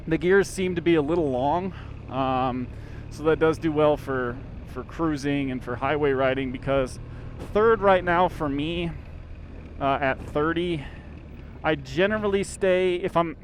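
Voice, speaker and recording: A man talking casually from inside a motorcycle helmet as he rides, rambling informally and interrupting himself, with some mild swearing. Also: on the high side. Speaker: motorcycle vlogger. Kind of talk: casual rambling vlog while riding. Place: outdoors, riding a motorcycle in traffic. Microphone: microphone inside a helmet. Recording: road and engine noise, inside helmet.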